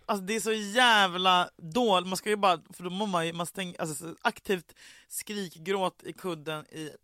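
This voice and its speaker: A young man co-hosting a casual comedy podcast who talks candidly and swears, often in a soft, subdued tone. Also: high voice, fairly even intonation, no room sound, studio quality. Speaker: podcast co-host.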